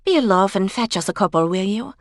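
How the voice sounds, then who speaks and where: A woman narrator voicing a brisk, practical woman researcher in a cozy mystery audiobook, businesslike and chatty. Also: mid-range voice, animated, no echo, clean studio sound, pitched above the performer's own voice, close to an everyday voice. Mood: chummy.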